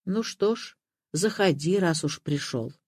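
A reader voicing a frail, bitter old woman who speaks in a flat, cold, tired way. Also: mid-range voice, a little slow, slightly rough, no room sound, clean studio sound. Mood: cold weary. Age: older.

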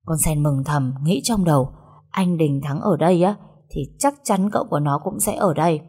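Woman, narrator, comic audio story, lively storytelling. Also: deep voice, normal speed, slightly rough.

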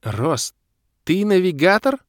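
A man voicing an excitable young woman in an audiobook, squealing and firing rapid questions. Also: medium pitch, dry recording, clean studio sound, voice pushed up. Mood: excited. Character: excitable young woman, shrieking, quick to pester. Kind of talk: audiobook character voice.

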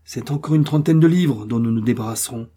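A man's voice: medium pitch, brisk, mellow, husky, natural voice. A man voicing a bold scientist who leads a balloon voyage, giving urgent commands.

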